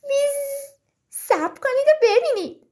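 A woman doing a shrill, cocky little storybook bee. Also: animated, darkish tone. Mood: confident. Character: boastful buzzing little bee.

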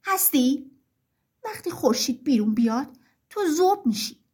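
A woman voicing a bold young boy who loudly challenges the forces of nature in a storybook. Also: high voice, very animated. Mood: challenging. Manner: challenging questions, raised voice.

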